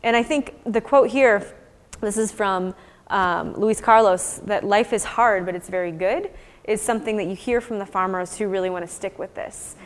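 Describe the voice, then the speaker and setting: This is an American woman giving an academic talk on her fieldwork, then taking audience questions informally with careful, thoughtful explanations. Medium pitch, moderate pace, and a long hall reverb on the recording.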